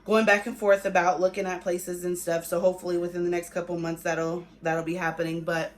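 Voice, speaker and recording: Her voice sits on the low side, brisk and with little pitch movement, as this young adult family vlogger shares a pregnancy update. The pregnant mother chats casually to viewers and repeats herself for emphasis.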